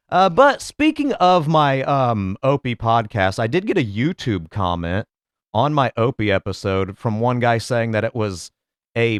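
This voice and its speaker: Man, podcast host, rambling, profane, animated, smooth voice. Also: mid-range voice, no echo, studio quality. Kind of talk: casual solo podcast commentary.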